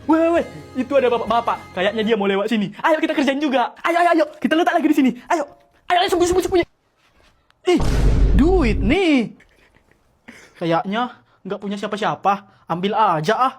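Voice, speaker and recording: A woman's voice: a little high, lively intonation, brisk, faint music behind. Fields: A woman acting out comic skits, playfully switching between kids and mothers, often laughing. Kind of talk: comic skit acting many roles.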